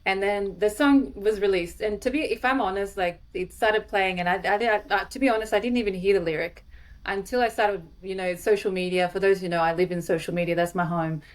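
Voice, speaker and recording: A woman hosting a podcast in casual, enthusiastic chat with quick asides. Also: medium pitch. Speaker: podcast host.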